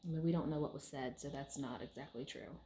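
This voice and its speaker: A woman's voice: low-pitched, fast, warm tone, a little hiss or hum. A young adult woman leading a session with casual questions and wry, matter-of-fact asides. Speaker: session leader asking questions. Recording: roomy, echoey sound.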